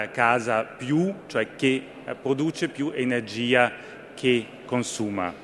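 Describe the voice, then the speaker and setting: A man with an Austrian German accent, a native German speaker, giving a conference presentation in halting Italian with many searching pauses. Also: medium pitch, a bit bright. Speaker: conference speaker, building ecology expert. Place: large conference or trade fair hall. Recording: reverberant hall, faint background noise.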